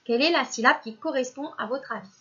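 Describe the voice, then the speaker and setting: Lady teacher doing a phonics lesson for little kids, high-ish voice, really slow, dull lo-fi sound. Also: sharp tone. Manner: slow and patient, sounding out syllables one by one; speaks directly to the pupils as if they are present, praising them. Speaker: primary school teacher. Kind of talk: recorded remote reading lesson for young children.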